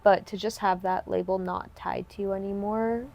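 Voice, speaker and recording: A woman's voice: medium pitch, fairly even intonation, normal speed, gravelly, a little mellow, slight background noise. A woman hosting a podcast, chatting earnestly and supportively in long, winding sentences. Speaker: podcast host. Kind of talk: casual interview chat.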